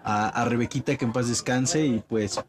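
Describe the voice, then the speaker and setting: A man's voice: medium pitch, normal speed, over a noisy crowd. A man with a Mexican Spanish accent joking and telling stories in casual banter with a friend. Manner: animated, joking, teasing.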